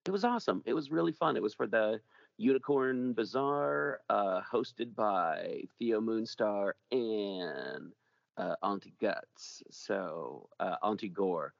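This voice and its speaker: Gravelly male host, slow rambling delivery, jokey asides, casual chat, dry slightly dull recording. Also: on the low side, animated, dry recording. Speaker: podcast host.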